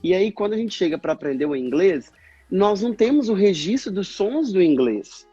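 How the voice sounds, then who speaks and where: Husky Brazilian man explaining earnestly. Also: high-pitched, very animated, normal speed, dark tone, dry recording, muffled recording, soft background music. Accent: Brazilian Portuguese. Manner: earnest, explanatory, acts out past dialogues. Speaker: speech therapist guest. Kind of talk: livestream interview talk.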